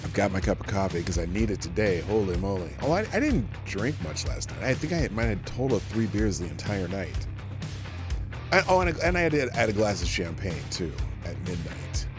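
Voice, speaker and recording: Deep-voiced tired man hosting a livestream. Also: animated, a little fast, few pauses, over music. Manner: rambling, informal. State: tired, just woke up. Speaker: live show host. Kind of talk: casual morning livestream chat.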